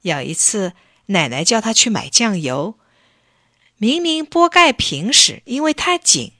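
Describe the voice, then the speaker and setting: A woman narrating a children's story with an expressive, animated reading. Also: mid-range voice, a little slow, no room sound, clean studio sound.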